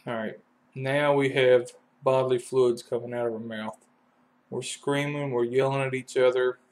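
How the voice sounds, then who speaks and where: A man's voice: medium pitch, level tone, normal speed. A man with a Kentucky accent giving a casual, folksy how-to explanation as an HVAC technician, full of loose analogies and fillers.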